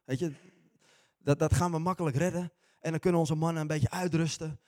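A preacher putting on a brash, commanding army leader. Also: male voice, fairly high pitch, fairly even intonation, a little fast, darkish tone, dry recording, studio quality, close to an everyday voice. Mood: breezy. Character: biblical male army leader, confident then stern.

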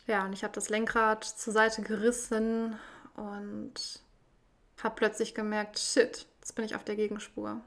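A woman telling a personal story in a reflective, measured way, with frequent pauses. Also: medium pitch, little pitch movement, a bit bright.

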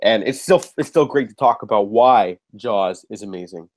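A man with a fairly low voice hosts a laid-back movie podcast at a moderate pace. He's chatty and swears casually, and he sounds a bit nasal because he's getting over a cold.

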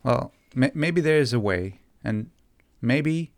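A man's voice: medium pitch, expressive, takes it slowly, no room sound, studio quality. A man co-hosting a podcast, chatting casually and slipping into joking, mock-dramatic rants. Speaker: podcast co-host. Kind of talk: casual chat.

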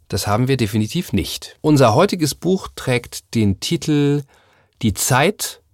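A man's voice: mid-range voice, gravelly, no room sound, studio quality. Chatty male book-podcast host. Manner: chatty, many filler sounds. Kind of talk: casual talk about a book.

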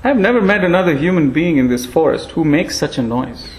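A man's voice: fairly high pitch, lively intonation, a little fast, natural voice, low-quality recording. A man voicing a frail, ancient male monkey who talks in a shrewd, rambling way in a storybook reading. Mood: scolding. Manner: rambling, gently scolding. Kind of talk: storybook narration.

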